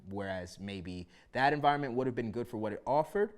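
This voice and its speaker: A man's voice: mid-range voice, animated, a little fast, smooth. A man from Harlem hosting a casual interview, easygoing and full of "you know" fillers. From New York City (Harlem). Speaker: podcast host.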